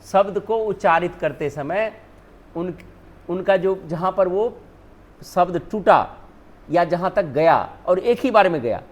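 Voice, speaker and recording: A male teacher whose first language is Hindi explains spelling rules step by step, often posing questions and answering them himself while repeating "ठीक है ना". He speaks slowly in a high-pitched voice with lively intonation.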